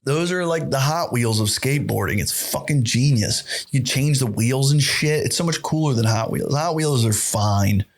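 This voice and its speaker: A young man hosting a podcast, reacting to videos in a loose, excitable, profanity-heavy way and laughing often into his podcast mic. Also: medium pitch, normal speed, few pauses. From United States. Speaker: podcast host. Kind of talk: casual reaction commentary.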